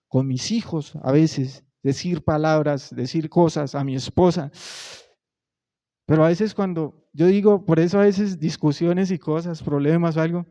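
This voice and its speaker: Man preaching, mellow lo-fi sound. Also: a little high. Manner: conversational preaching, swinging between loud emphasis and quiet drops. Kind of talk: sermon. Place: church sanctuary.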